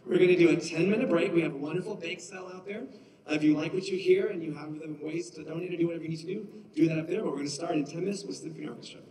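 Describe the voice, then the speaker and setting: Fast-talking concert host in an echoey hall. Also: male voice, a little high, a little mellow, distant mic. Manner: chatty, upbeat, informal. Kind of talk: casual stage announcements.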